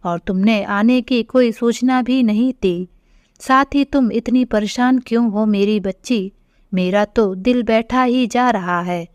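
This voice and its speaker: A woman's voice: a little high, measured pace, clear, resonant tone, dry recording, lightly acted. A woman reading as a stern scolding mother-in-law. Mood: worried. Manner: sharp, taunting, then doting to her daughter. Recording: dull lo-fi recording.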